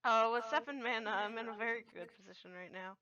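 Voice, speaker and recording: A woman's voice: on the high side, fast talker, pushed and bright, highs cut off. A woman streaming a card game in casual chat, hesitant with many ums and the odd swear word.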